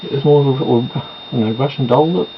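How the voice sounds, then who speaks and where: With a medium-pitched voice at a moderate pace, a man rambles through casual chat at home as he does his makeup. He throws in self-deprecating asides, and the recording is a dull lo-fi one with noise.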